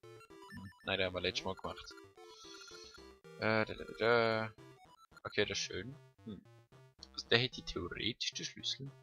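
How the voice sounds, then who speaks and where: Chatty Swiss German let's play host. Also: male voice, lowish voice, normal speed, long pauses, faint music behind. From Switzerland. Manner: chatty, muttering to himself, bursts of frantic shouting. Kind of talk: casual gameplay commentary.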